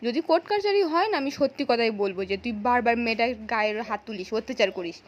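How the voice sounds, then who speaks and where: A blunt young man lectures his brother, voiced by a woman narrator in her own high voice. It sounds retold rather than performed. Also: expressive, quick pace, muffled recording. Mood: scolding. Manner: scolding, blunt.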